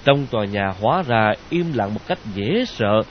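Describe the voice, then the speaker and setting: A man narrating a story in an expressive audiobook reading, in a dull lo-fi recording. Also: fairly low pitch, normal speed, slight background noise.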